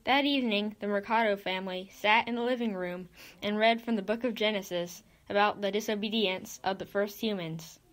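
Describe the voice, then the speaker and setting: A woman narrating a children's Bible story in a clear, even read-aloud voice. Her pitch sits in the middle range, and the recording is dry and close with no room sound. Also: fairly quick, no echo.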